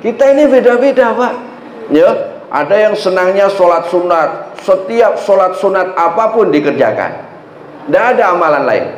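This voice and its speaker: A man's voice: high voice, moderate pace, slight background noise. A man preaching a sermon in a mosque, telling stories with energy and often asking the congregation questions. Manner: lively storytelling, asks the congregation. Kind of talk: sermon storytelling. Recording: echoey, dull lo-fi mosque recording.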